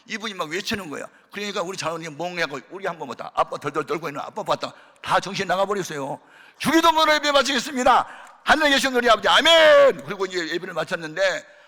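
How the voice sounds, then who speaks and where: A man preaching as a pastor, telling a testimony sermon with dramatic storytelling, acting out voices and shouting at the peaks. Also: a little high. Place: church hall of a prayer retreat. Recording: reverberant large hall.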